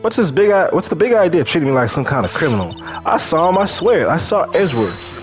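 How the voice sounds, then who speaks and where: A man's voice: on the high side, very animated, fast, faint music behind, pitched above the performer's own voice. A man putting on a drawling country-gal witness. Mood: indignant. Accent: put-on rural Southern American. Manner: folksy drawl, indignant. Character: young woman country-gal witness, brash, defensive.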